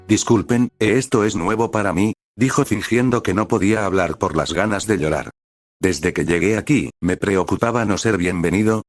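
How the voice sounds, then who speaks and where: A low-pitched man reads a fan fiction story aloud at an even, steady storytelling pace. Soft music plays faintly beneath his voice. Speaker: narrator.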